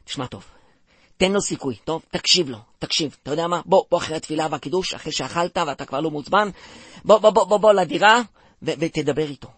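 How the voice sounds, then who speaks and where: A bumbling joker, played by a man, stammers and trips over his words while spinning silly puns in a comic radio play. His voice is slightly high and husky, recorded dry and close. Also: a bit bright, no room sound. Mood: pleading coaxing.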